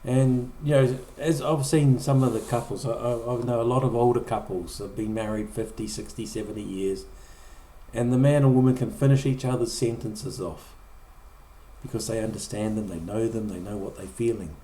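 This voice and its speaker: A man's voice: mid-range voice, steady tone, moderate pace, dark tone. A middle-aged man preaching a conversational sermon, often repeating or restarting words and acting out short quoted lines. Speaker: pastor. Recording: echoey room.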